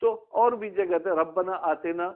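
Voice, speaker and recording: High-voiced man teaching a lesson. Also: a little slow. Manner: questions students by name. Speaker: religious teacher. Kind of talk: classroom lesson. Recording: tinny phone-like sound.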